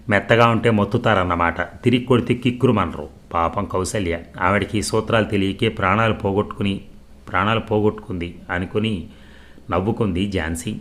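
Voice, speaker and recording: A man narrating a novel as storyteller, in a steady, measured reading. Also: fairly low pitch.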